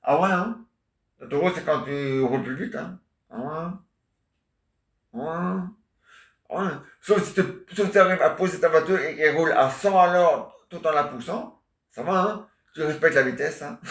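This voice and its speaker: This vlogger's monologue wanders and jokes along, full of fillers and side comments, and the room around him is echoey. He has a slightly high, bit-bright voice and speaks at a measured pace.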